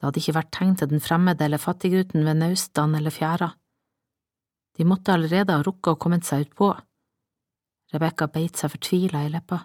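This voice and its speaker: A woman with a lowish voice narrates a scripted audiobook in a calm, measured storytelling style. The studio-quality recording has no room sound.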